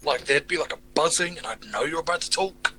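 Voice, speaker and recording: A man's voice: fairly high pitch, expressive, quick pace, bright, forceful tone. A man playing a tabletop game, bantering informally in and out of character with plenty of swearing. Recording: noisy room ambience.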